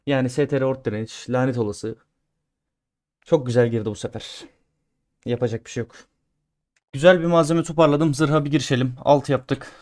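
A man streaming a game and talking his viewers through each try in a casual, chatty way. He grumbles when things go wrong and cheers loudly when they go right. His voice sits in an ordinary middle pitch. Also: steady tone, moderate pace, long pauses. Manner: chatty, talks to viewers as he plays; swings between grumbling and loud cheering. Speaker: gaming streamer. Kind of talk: casual gameplay commentary.

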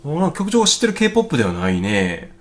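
A man with a Kansai accent giving casual, excitable reaction commentary as host, thinking aloud and exclaiming often. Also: medium pitch, rapid-fire. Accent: Kansai Japanese. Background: faint music video playing.

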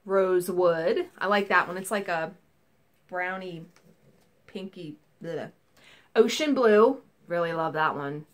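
A woman's voice: on the low side, slow pace. A woman in her thirties chatting casually through a cross-stitch haul video from a small home craft room, recorded on a webcam. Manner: chatty, enthusiastic, rambling asides. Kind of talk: casual show-and-tell haul.

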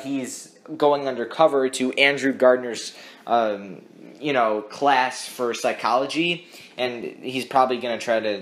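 A man's voice: medium pitch, a bit bright. A young man hosting a casual TV episode review, rambling with many restarts and fillers. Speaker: host of a TV review channel.

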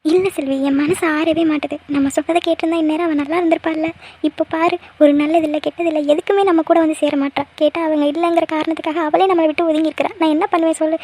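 A woman's voice: high-pitched, flat delivery, darkish tone, natural voice. A woman voicing an emotional, middle-aged village sister-in-law in a cartoon family drama. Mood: tearful. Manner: emotional, talks quickly.

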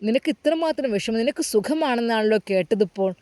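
A man's voice: very high-pitched, expressive, fast talker, darkish tone, no echo. A woman voicing a kindly elderly male mosque caretaker who coaxes a grieving young man with tender questions. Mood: pleading concern. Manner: coaxing, repeats tender address, many questions.

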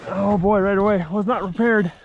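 Out on a frozen lake, an ice-fishing vlogger in his thirties rambles cheerfully to his body-worn action camera, perking up with excitement whenever a fish bites. He speaks high-pitched at a moderate pace, and the recording is muffled with a little hiss or hum.

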